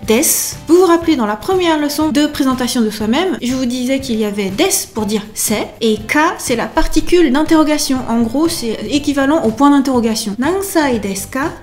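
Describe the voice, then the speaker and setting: A woman giving an online language lesson, upbeat and chatty, slowly and carefully repeating examples. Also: high voice, expressive, a little mellow, soft background music. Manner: slow, careful repetition of examples. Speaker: language teacher.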